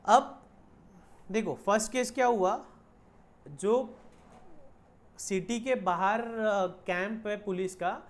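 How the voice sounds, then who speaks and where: A woman's voice: medium pitch, slow pace, long pauses. A woman teaching an online commerce lesson, mixing Hindi with Indian-accented English and repeating key points. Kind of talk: online lecture.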